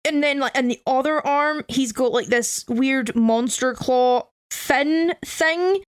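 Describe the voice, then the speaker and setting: Sarcastic, high-voiced woman podcaster. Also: takes it slowly, no echo. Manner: animated, sarcastic, swearing. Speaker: podcast co-host. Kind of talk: casual chat.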